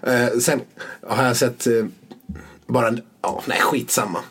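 A man's voice: medium pitch, fairly even intonation, a bit bright, slightly rough. A man co-hosting a casual podcast chat, rambling, laughing often and swearing casually. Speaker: podcast co-host.

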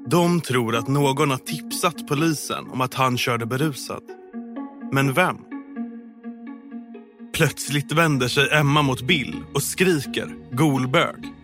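A man reading a scripted true-crime story in a calm, measured way as a podcast narrator. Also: medium pitch. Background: music.

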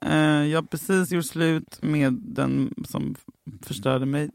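A young man co-hosting a podcast, telling a personal story in a candid, halting way. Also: fairly high pitch, steady tone, vocal fry, darkish tone, no room sound. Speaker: podcast co-host. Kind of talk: casual chat.

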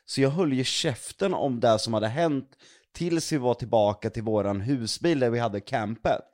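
Man in his own voice, casual podcast co-host, animated and profane storyteller, mid pitch. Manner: excitable storyteller who swears a lot. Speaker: podcast co-host, ghost hunter.

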